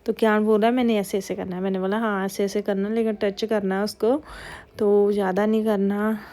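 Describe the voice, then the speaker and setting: A chatty mother narrates her family vlog in a casual voice-over, scolding her kids in quoted asides. Her voice is medium-pitched and dark-toned, with a level delivery at a slightly fast pace.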